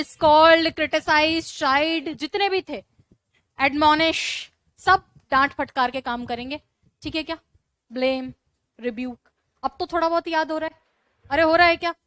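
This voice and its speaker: A woman teaching English vocabulary in a classroom lecture, chatty and brisk, peppering her students with rhetorical questions. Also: high voice, fairly bright tone, no room sound.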